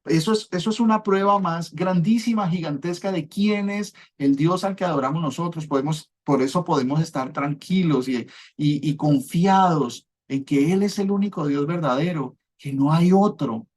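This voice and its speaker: A man's voice: on the high side, moderate pace, darkish tone. Male preacher, fervent sermon delivery, keeps asking the congregation if they follow. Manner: fervent, rhetorical check-ins with listeners.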